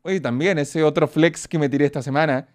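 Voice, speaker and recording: A young man with a Chilean accent who streams, talking in excited, profane, joking casual commentary. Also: a little high, a little fast.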